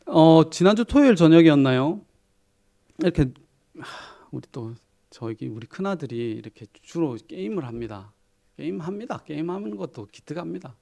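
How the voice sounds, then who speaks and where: A middle-aged man preaching a sermon in a chatty, self-deprecating storytelling way, with soft chuckles and quiet asides. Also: fairly high pitch, vocal fry. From Korea. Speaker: pastor.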